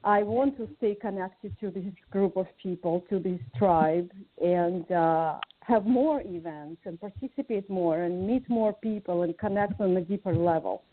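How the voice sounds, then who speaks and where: On a group call, a Ukrainian woman joins as a guest and shares personal reflections, earnest and hesitant, pausing between short phrases. Her voice sits lowish. It's a phone call, so the sound is tinny and band-limited.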